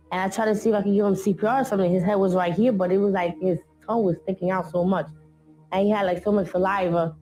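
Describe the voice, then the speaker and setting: A woman recalling her late husband in a documentary interview, speaking softly and reflectively with frequent "you know what I'm saying". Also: medium pitch, low-quality recording. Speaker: interviewee, late rapper's wife.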